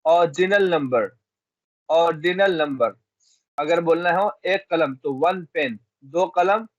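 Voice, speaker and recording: A man with a fairly high voice teaches at an unhurried pace, drilling each word over and over and putting questions to the class that he answers himself. The sound is dry and close, a little dull and muffled. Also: dry recording. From India. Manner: slow, repeats each word several times as a drill. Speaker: English language teacher. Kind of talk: classroom lesson. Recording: dull, slightly muffled recording.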